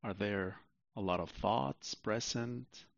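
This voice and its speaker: A man narrating a guided sleep meditation like a sleep story, soothing and unhurried, with long pauses, on a muffled recording. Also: fairly low pitch, vocal fry, no room sound.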